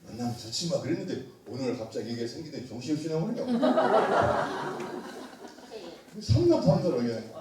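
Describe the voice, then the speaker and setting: A middle-aged man, a pastor and missionary, preaching a lively sermon, joking and quizzing the congregation with call-and-response questions. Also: mid-range voice, moderate pace, pauses often, background noise. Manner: animated, joking, quizzes the congregation, laughs often. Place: church sanctuary. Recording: echoey room, mic at a distance.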